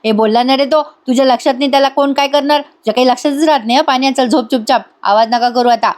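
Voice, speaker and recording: A woman's voice: high-pitched, fast, a little mellow, close to an everyday voice. A woman voicing a bossy, suspicious grown man of the house, scolding the others.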